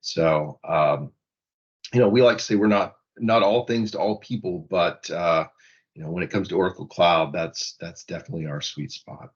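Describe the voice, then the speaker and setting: A man introducing his consulting firm on a webinar, halting, with fillers and repeated words. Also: deep voice, dull audio. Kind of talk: casual business webinar talk.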